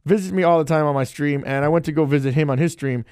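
A man with a slightly high, a little mellow, clean-toned voice talks fast while hosting a casual solo podcast. He chats in a loose, rambling, friendly way, and the studio sound is clean with no echo. He's a podcast host and streamer.

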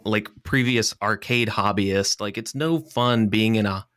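A man's voice: fairly low pitch, a little slow, fairly bright tone, clear, resonant tone, dry recording, clean studio sound. A man chatting on a podcast, enthusiastic and rambling, with a self-deprecating streak. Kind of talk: casual podcast chat.

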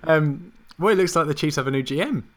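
A man's voice: a little high, brisk, fairly bright tone. A British man co-hosting a casual podcast, joking and laughing. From Britain. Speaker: podcast co-host. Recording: faint noise.

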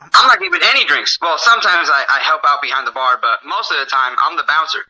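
A man speaks as a guest on a casual call-in show, in a laid-back, self-mocking way. His voice is very bright and sits a little high. He tells stories from his work with easy humor. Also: quick pace, low-quality recording. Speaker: guest, fighter and bar bouncer. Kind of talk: casual phone-in chat.

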